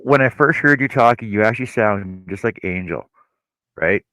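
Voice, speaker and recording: Man, halting casual chat, low lively pitch, dry sound. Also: no room sound, low-quality recording. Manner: halting, stumbling restarts. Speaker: live stream guest.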